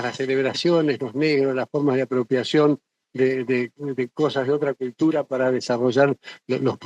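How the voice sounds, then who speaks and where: A man's voice: mid-range voice, warm tone, dry recording. A middle-aged man, an institute director giving casual closing remarks at a symposium, hesitant with many fillers and restarts.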